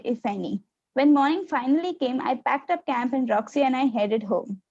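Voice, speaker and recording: A woman reading a horror story aloud for a book club, steady with the odd restart. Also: fairly high pitch, no echo, muffled recording. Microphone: video call.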